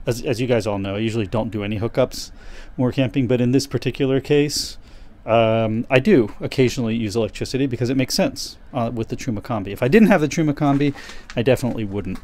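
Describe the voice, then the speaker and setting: A man's voice: mid-range voice, fast, a little mellow. A man vlogging casually, chatting and thinking aloud while fixing things on his van. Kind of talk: casual vlog narration.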